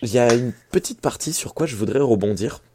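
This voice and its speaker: A man from France co-hosting a casual podcast, talking in a halting way with many fillers and restarts. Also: mid-range voice, expressive, dark tone, slight background noise. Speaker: podcast co-host.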